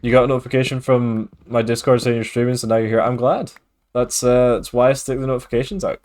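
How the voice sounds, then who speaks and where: A Scottish man with a mild accent streams a game and chats casually with viewers, speaking fast at a medium pitch. Relaxed and chatty, he reads out and answers chat messages with frequent fillers.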